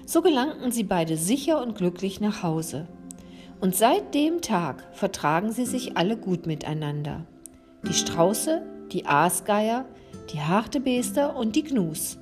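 A woman reading an animal fable aloud in a calm, measured storytelling manner. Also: mid-range voice, faint music behind.

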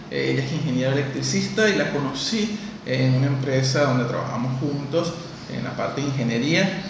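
A man from Venezuela hosting a podcast interview, chatting in a friendly, conversational way. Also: on the high side. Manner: friendly, conversational, asks long questions. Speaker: podcast host. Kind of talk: casual interview. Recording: roomy distant echo, faint noise.

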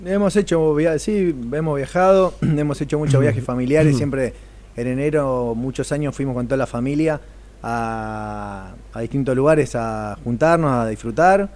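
A man's voice: mid-range voice, moderate pace. A young Argentine man, a racing driver guest, telling anecdotes and acting out the dialogue. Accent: Argentine Spanish. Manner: animated storyteller, acts out dialogue. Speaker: race car driver guest.

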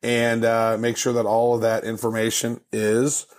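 An easygoing man with a mid-pitched voice co-hosts a casual podcast. He rambles a little and fills pauses with hesitant ums and uhs. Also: completely flat delivery. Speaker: podcast co-host.

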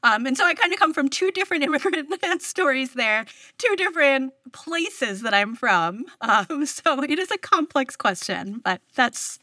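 Her voice sits high and is expressive, pushed and bright at a moderate pace, captured in a dry, studio-quality recording. She is a woman in her thirties from New York on the US East Coast, a public radio journalist guesting in a casual interview. Chatty and heavy on fillers, she laughs often in the middle of sentences.

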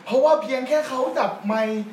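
A man's voice: very high-pitched, fairly quick, echoey room, a crowd in the background. A man co-hosting a podcast who teases his partner and eggs him on. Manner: teasing, eggs his co-host on. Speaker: podcast co-host. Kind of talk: casual chat.

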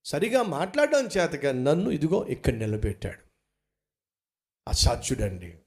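A man's voice: on the high side, very animated, normal speed, darkish tone. A man preaching an impassioned sermon as pastor in a church hall, repeating lines with rising force.

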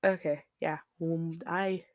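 A man's voice: a little high, steady tone, slow pace, no echo, phone-quality sound. A man hosting his own solo podcast, talking casually in a rambling, tangent-prone way with lots of "like" and "um" and some swearing, into his home microphone. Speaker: podcast host.

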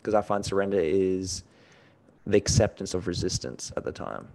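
Reflective, low-voiced man from New Zealand. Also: animated, normal speed, vocal fry, a little mellow, a little hiss or hum. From New Zealand, moved to Australia at five. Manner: earnest, introspective, informal with "mate" and "man". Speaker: podcast guest, customer experience designer. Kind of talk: reflective personal interview.

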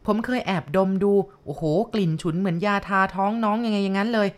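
A woman giving a calm, measured scripted narration of a ghost story. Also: medium pitch.

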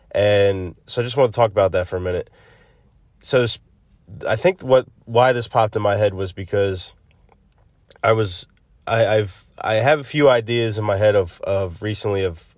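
A man hosting a casual solo devotional podcast, thinking aloud haltingly, recorded on a phone's built-in mic instead of a proper microphone. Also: on the low side, no room sound. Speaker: podcast host. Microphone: built-in phone mic, no separate microphone. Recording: close, dry phone recording.

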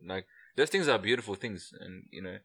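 A man's voice: on the low side, lively intonation, a little fast, a bit bright, husky. A man in his twenties co-hosting a casual podcast chat, laid-back, laughing often and saying "bro" and "you know" a lot. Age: 20s. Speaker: podcast co-host.

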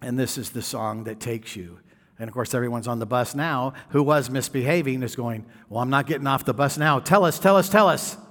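A man's voice: medium pitch, fairly even intonation, fairly quick, a bit bright, in a large hall. A man preaching a sermon, joking with the congregation, mimicking people and breaking into snatches of songs. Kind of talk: sermon with storytelling. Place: church hall.

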